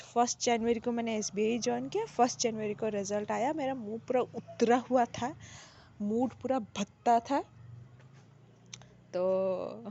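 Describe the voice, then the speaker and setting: A young woman in her twenties telling her own exam story in a casual, animated way, often laughing and pausing with fillers. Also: fairly high pitch. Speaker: bank officer sharing her exam story. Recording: dull lo-fi sound.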